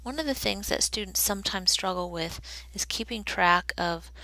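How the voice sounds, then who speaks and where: A woman's voice: medium pitch, pushed and bright, no room sound, poor audio. A woman teaching a recorded statistics lesson, explaining step by step while she draws graphs. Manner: slow, deliberate explaining while drawing on a graph.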